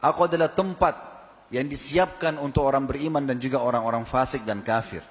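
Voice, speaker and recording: A man giving voice to a speaking grave, declaiming its threats in an ominous, measured way. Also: medium pitch, in a large hall, lightly acted. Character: talking grave, ominous and menacing.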